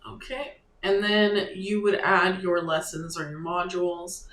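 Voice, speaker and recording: An online creator walks viewers through setting up a website in a casual screen-share tutorial, thinking aloud in a loose, halting way while clicking through the steps. The voice is mid-range and fairly bright, with fairly even intonation. It's recorded in an echoey room with faint ambience.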